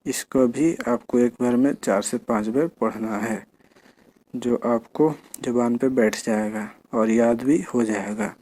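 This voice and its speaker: A man's voice: medium pitch, measured pace, warm tone. A man teaching children to read, spelling out each word syllable by syllable. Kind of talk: slow spelling lesson for children.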